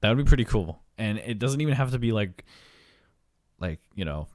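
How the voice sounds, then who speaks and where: A man's voice: lowish voice, lively intonation, a little fast, dry recording, clean studio sound. A man co-hosting a podcast, chatting casually and rambling, with repeated words and casual swearing. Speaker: podcast co-host. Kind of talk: casual chat.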